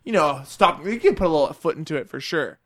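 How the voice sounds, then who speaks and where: A young man telling a rambling, animated story in casual chat, swearing freely and laughing through it. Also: fairly high pitch, fast talker.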